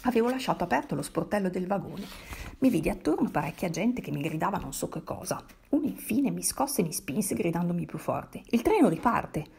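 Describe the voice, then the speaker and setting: A woman's voice: lowish voice, animated, fairly quick, creaky, warm tone, a little hiss or hum. A woman reading a novel aloud in the first person, dramatic, dropping into whispered asides. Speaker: reader.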